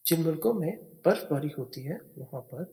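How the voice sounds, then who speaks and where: A man's voice: a little high, expressive, fairly quick, vocal fry, mellow. A man teaches English words by spelling them out letter by letter and patiently explaining each sound. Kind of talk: slow spelling and pronunciation lesson.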